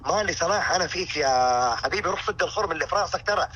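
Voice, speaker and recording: A man's voice: on the high side, lively intonation, rapid-fire, sharp tone, breathy edge, low-quality recording. A man with a Saudi Arabic accent bantering casually in an exasperated, questioning way.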